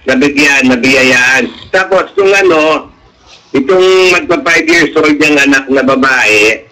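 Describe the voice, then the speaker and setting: At a measured pace and medium pitch, a middle-aged radio guest keeps the interview casual, bringing his anecdotes to life by performing the dialogue in them. The recording is rough.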